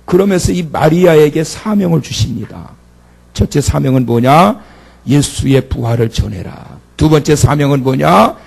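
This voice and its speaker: This is a man delivering a sermon in a deeply gravelly voice with a husky edge. He retells the scene dramatically and gives voice to the speakers in it as he preaches. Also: animated, normal speed, a little mellow. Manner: dramatic, acts out the speakers in the story. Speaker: pastor.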